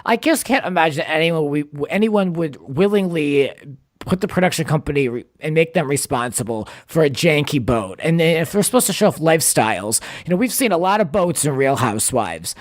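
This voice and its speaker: A man's voice: a little high, lively intonation, brisk, no echo, studio quality. A man hosting a podcast, chatting casually about reality TV with lots of fillers and easy laughter. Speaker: podcast host. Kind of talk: casual chat.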